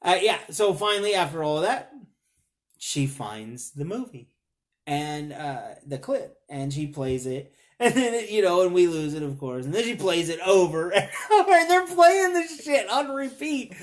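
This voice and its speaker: A man hosting a casual podcast spins a comic story about his own family. He talks in an animated, swearing rush, breaks into laughter mid-sentence, and mimics the people in his tale. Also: sits high, normal speed. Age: adult father. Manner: animated, profane, laughs mid-sentence and acts out others' lines. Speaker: podcast host.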